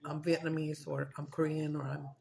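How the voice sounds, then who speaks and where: A woman's voice: sits low, level tone, normal speed, vocal fry, mellow. A middle-aged woman, chatting loosely while eating on camera, swearing and slipping into Spanish. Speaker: mukbang streamer. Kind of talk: casual chat while eating.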